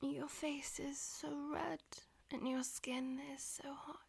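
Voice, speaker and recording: A woman voicing a dominant, teasing female demon in an audio roleplay, speaking mostly in breathy, domineering whispers. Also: high-pitched, little pitch movement, takes it slowly, heavily acted.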